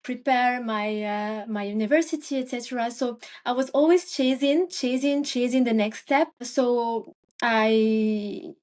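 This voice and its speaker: A woman's voice: fairly high pitch, a little slow, a little mellow. A young woman from Morocco, a guest in a casual interview, talking with many fillers and restarts. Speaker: guest, Ayurvedic practitioner.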